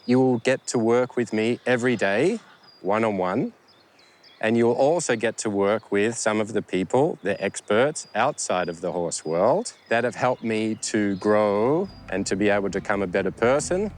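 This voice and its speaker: A man's voice: fairly low pitch, animated, moderate pace, a little hiss or hum. A man hosting a riding camp, speaking earnestly and reflectively to his riders about horses and self-improvement. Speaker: horse trainer and camp host. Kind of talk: addressing riders and camera.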